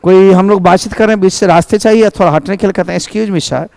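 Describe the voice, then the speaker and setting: A man's voice: high voice, fairly even intonation, fast talker, creaky, a little mellow, no room sound. A man teaching English phrases in Hindi, going over each phrase and glossing it, and calling his students his children. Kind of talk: spoken English lesson in Hindi.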